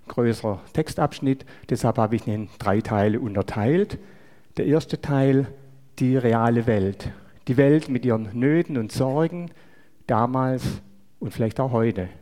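A man preaching a sermon in a measured way, putting rhetorical questions to his listeners. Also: mid-range voice, warm tone. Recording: long reverberant hall.

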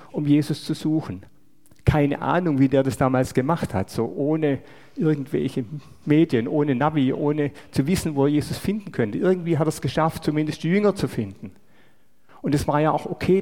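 A man preaching a sermon in a measured way, putting rhetorical questions to his listeners. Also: a little high, mellow. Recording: long reverberant hall.

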